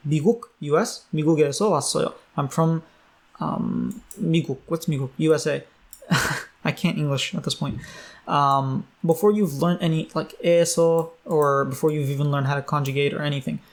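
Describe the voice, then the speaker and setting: A man teaching a language in a casual online lesson, loose and chatty with many ums. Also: a little high.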